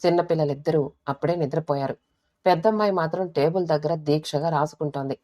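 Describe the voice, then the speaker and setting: Low-voiced woman reading a story. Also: fast talker, mellow. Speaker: audiobook narrator. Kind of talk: scripted narration of a family story.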